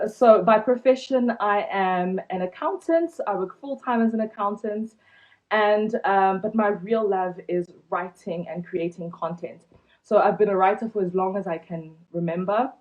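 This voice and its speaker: A woman's voice: medium pitch, lo-fi sound. A young woman from South Africa founding a blog, talking casually on a phone live stream with many ums and restarts. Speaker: blog founder hosting an Instagram live launch.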